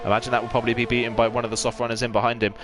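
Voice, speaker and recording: A man's voice: mid-range voice, level tone, racing. A man giving fluent, detailed live play-by-play commentary as an esports sim racing commentator.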